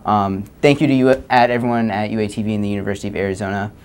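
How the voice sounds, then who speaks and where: Deadpan young man hosting a comedy show. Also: on the low side, very fast, clear, resonant tone. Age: young adult. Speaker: host of a student comedy talk show.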